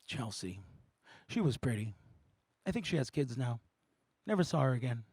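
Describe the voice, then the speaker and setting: A man doing stand-up comedy, animated and quick to switch voices. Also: mid-range voice, slightly rough, dry recording, clean studio sound. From Montreal, Canada. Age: 40s. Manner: animated, jumps between voices and languages. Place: theatre studio.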